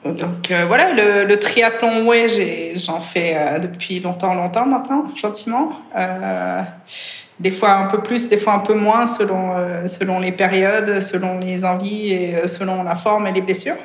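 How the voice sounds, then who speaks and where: A woman's voice: mid-range voice, measured pace. A woman in her thirties from Switzerland, a podcast guest speaking modestly with many hesitations and fillers. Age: 30s. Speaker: guest triathlete. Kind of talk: podcast interview. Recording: echoey room with faint noise.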